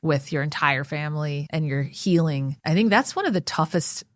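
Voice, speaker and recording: A woman's voice: low-pitched, animated, moderate pace, no room sound, clean studio sound. A woman hosting a podcast interview, asking questions in a reflective, affirming way. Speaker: podcast host.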